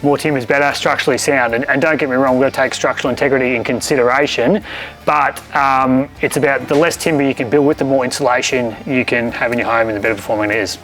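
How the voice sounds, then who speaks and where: A man's voice: mid-range voice, steady tone, fast talker, a bit bright, poor audio. An Australian man, a builder, explaining things casually and practically as he presents a site walkthrough. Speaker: builder co-hosting a home-building show.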